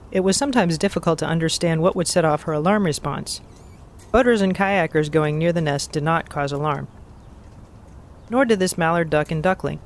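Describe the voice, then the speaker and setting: A man reading scripted nature documentary narration in a measured, factual, explanatory manner. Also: on the high side, slight background noise.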